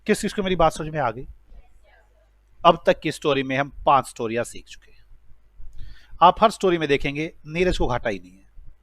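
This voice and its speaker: A male accounting teacher telling a lively classroom story, acting out the characters' lines in a raised voice. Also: a little high, moderate pace, long pauses, no room sound.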